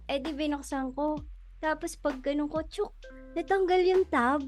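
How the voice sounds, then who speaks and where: A woman's voice: high voice, moderate pace, faint music behind. A woman co-hosting a casual podcast chat, telling a workplace story and laughing often as she goes. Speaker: podcast co-host.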